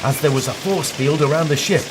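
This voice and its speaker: A man's voice: fairly high pitch, fairly quick, heavy background noise. A man narrating a homemade comic adventure story in a plain storytelling manner. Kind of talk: read-aloud comic story.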